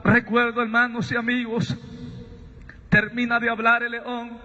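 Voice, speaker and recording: High-voiced man preaching in an echoing hall. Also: completely flat delivery, unhurried, sharp tone, dull audio. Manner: earnest, keeps addressing brothers and friends. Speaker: preacher giving testimony. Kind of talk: sermon-style spoken testimony.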